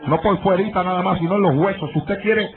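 Fervent high-voiced pastor, tinny church recording. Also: male voice, fast, music in the background. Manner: fervent preaching, shouts and tongues. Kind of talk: Pentecostal sermon. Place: church altar before congregation. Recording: tinny phone-like live church recording with crowd. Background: congregation.

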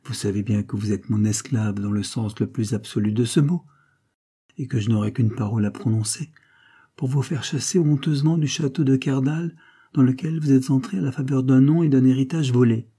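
A man's voice: medium pitch, brisk, dark tone, breathy edge, voice pushed up, natural voice. A man reading an audiobook, voicing a scornful, domineering creole woman who talks in a cold, mocking tone. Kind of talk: audiobook character voice.

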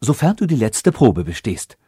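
A man's voice: medium pitch, big pitch swings, moderate pace, dark tone, slightly rough, no room sound, studio quality. A man reading an audiobook voices a haughty, suspicious robot princess who asks probing questions.

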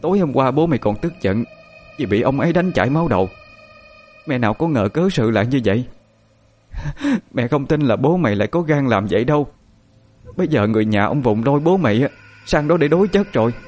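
A man's voice: mid-range voice, animated, fairly quick, long pauses, a little mellow, voice pushed up, lightly acted. A man voicing an older village mother, tearful and frantic. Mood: distraught. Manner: wailing, pleading.

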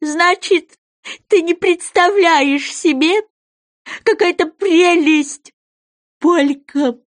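A woman voicing an excitable little male goby fish in a storybook reading, with an eager, drawn-out, sing-song delivery. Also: very high voice, pitched above the performer's own voice, heavily acted.

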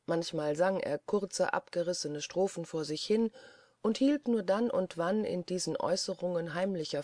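An audiobook narrator reading a classic novel in a measured, even way. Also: medium pitch, no room sound, studio quality. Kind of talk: scripted literary narration.

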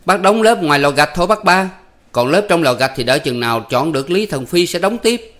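A man's voice: fairly high pitch, expressive, brisk, a bit bright, voice pushed up. A man voicing a cheeky young village man who calls out eagerly to the others.

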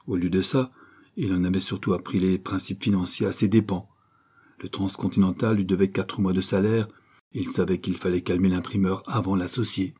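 Dark, husky male narrator. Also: low-pitched, fairly even intonation, fairly quick. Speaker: audiobook narrator. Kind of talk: scripted narration.

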